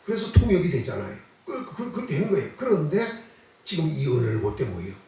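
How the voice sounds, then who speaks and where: A man preaches a sermon in a chatty, questioning way, stressing points by repeating himself. His pitch moves about a lot. He sounds far from the microphone in a strongly echoing church. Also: huge pitch swings, quick pace, warm tone. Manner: conversational preaching with rhetorical questions; repeats phrases for emphasis. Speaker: pastor. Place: church sanctuary. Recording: very echoey and distant from the mic.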